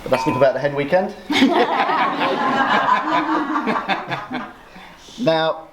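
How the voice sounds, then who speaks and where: A man's voice: fairly high pitch, wildly swooping pitch, drawn-out words. A middle-aged man giving an informal, joking wedding speech as father of the bride, with a dry, self-deprecating, sometimes sweary delivery. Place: busy indoor wedding reception. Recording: noisy crowded room, loud ambience. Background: chattering, laughing guests.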